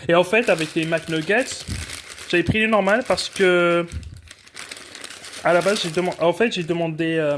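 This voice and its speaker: Young French food vlogger, chatty and rambling, lightly raised pitch, self-corrects constantly. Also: male voice, fairly bright tone. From France. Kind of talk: casual tasting vlog.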